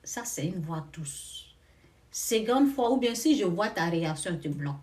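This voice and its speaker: A woman's voice: medium pitch, lively intonation, normal speed, distant mic. A woman, giving fervent spiritual advice and repeating pointed rhetorical questions. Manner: emphatic, repeats rhetorical questions, swings from loud to quiet.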